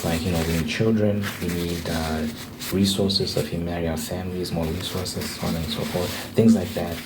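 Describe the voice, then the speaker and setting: Low-voiced man talking casually over background noise. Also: little pitch movement, normal speed. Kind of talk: casual opinionated monologue.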